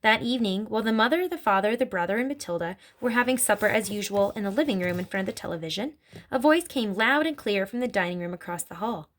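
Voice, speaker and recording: A woman reading a children's story aloud in an expressive storytelling manner. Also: mid-range voice, fast. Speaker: narrator.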